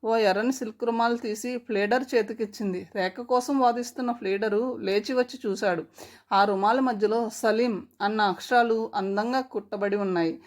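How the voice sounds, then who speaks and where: A woman narrates a long story in a fairly high voice and reads each character's dialogue herself. She keeps her own voice for every role and shifts it only a little between them. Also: fairly even intonation, normal speed.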